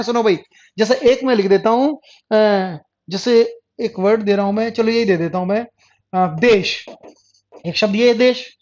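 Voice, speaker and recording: A man's voice: sits high, darkish tone. A male Hindi grammar teacher giving an online class lecture, who asks his students questions and answers them himself and repeats the key terms. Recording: dull lo-fi recording.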